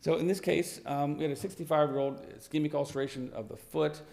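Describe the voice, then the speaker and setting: Raspy, gravelly man giving a medical lecture. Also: on the high side, steady tone, a little mellow. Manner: halting, with many fillers and restarts. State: hoarse, clearing his throat. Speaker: vascular physician presenting at a conference.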